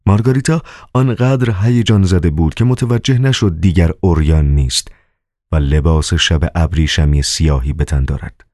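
A man narrating a novel as an audiobook in a measured, calm way. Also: deep voice, no echo, clean studio sound.

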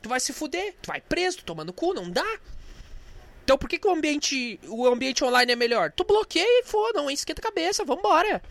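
A man's voice: very high-pitched, very animated, fairly quick, gravelly, fairly bright tone. A young man venting in an angry, profane, indignant monologue for his vlog. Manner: angry, swearing, indignant ranting. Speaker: vlogger.

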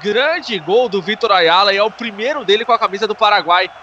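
A man's voice: sits high, a little fast, pushed and bright. A Brazilian man giving live football analysis as a co-commentator, explaining plays and often adding little checking tags. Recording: dull noisy sports broadcast.

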